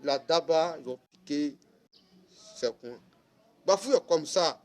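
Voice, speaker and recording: A man with a slightly high voice rants casually and takes it slowly, scolding someone directly. He keeps repeating himself for emphasis while speaking straight to the listener.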